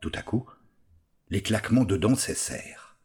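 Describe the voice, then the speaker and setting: A man reading a storybook aloud with expressive, unhurried storytelling. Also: on the low side, husky. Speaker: narrator. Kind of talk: storybook narration.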